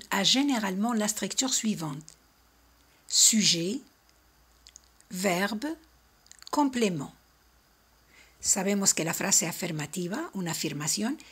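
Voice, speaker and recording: A woman teaching a language lesson, explaining slowly and deliberately and repeating each point in two languages. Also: medium pitch, fairly bright tone, breathy edge. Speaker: French teacher.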